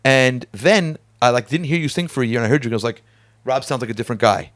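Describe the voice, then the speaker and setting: A man hosting a casual studio conversation, talkative and animated, laughing often. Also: mid-range voice, fast talker. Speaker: podcast host. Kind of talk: casual chat.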